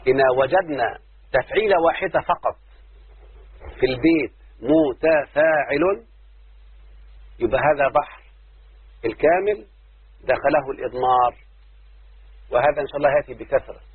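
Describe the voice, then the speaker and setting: Guy teaching poetry meter, very husky voice, tinny dry phone-like sound. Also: medium pitch, expressive, dry recording. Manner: chants quoted verse slowly, then explains plainly. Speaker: teacher of Arabic prosody. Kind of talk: religious-style lecture explaining verse.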